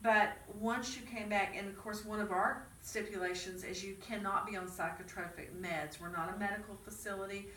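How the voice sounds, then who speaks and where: A woman's voice: mid-range voice, steady tone, moderate pace, hardly any pauses, pushed and bright. A middle-aged woman interviewing and earnestly explaining her program's rules, recorded from a distance. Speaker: ministry program director. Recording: echoey room, mic far off, faint noise.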